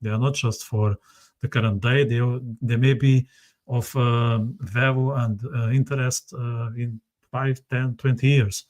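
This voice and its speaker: A man with an average-pitched voice hosts a casual conversational interview. He feels his way through sentences haltingly, often repeating words and phrases. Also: steady tone, darkish tone. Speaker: podcast host.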